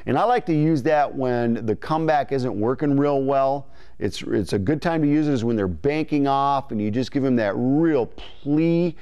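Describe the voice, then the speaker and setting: A man in his forties with a clear, smooth voice, explaining step by step as an informal, folksy instructor on a lapel mic in a studio. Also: mid-range voice, a little mellow. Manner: folksy, informal, imitating call syllables as he explains. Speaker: duck calling instructor. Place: indoor studio in front of a green-screen backdrop.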